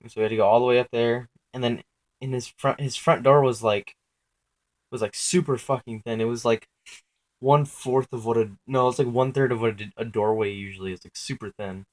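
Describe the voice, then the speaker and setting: A young man casually recounting his dreams in a halting, rambling way, full of filler words, self-corrections and casual swearing. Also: medium pitch, fairly even intonation.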